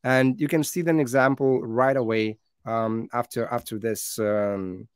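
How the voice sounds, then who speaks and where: This native Lithuanian speaker, a man in his thirties, stumbles through a slide-based conference talk full of fillers and restarts. His mid-range voice holds a steady tone that comes across clear and resonant.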